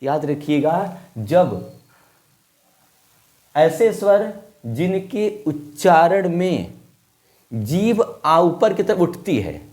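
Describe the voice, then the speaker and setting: Slow-drilling man teaching a class. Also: a little high, big pitch swings, a little mellow. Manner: slow, repeating points and asking questions. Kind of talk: classroom lesson to children.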